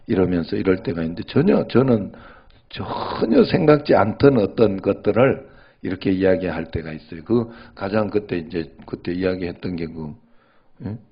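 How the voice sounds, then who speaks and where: A man's voice: sits low, slightly rough, lo-fi sound. A male pastor giving a sermon in a conversational way, often checking in with the congregation.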